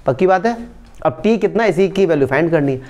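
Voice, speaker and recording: A man teaches a maths lesson aimed at board exams, explaining step by step in a coaxing way and often checking that students are following. His voice is high, fast, and lively in intonation, with a darkish tone. The sound is lo-fi.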